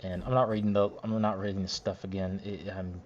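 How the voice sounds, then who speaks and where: Grumbling low-voiced man on a dull recording. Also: level tone, brisk, a little mellow, a little hiss or hum. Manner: grumbling, annoyed and rambling. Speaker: gameplay commentator. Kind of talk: voice-over commentary over gameplay footage. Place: home recording setup, voiced after the footage.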